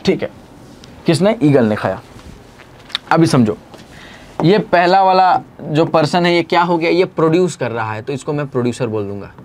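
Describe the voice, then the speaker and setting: A man's voice: fairly high pitch, normal speed, pauses often, slight background noise. A young man with an Indian accent teaching biology in a classroom lecture, asking questions and answering them for his students. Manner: lively, swings from loud to soft.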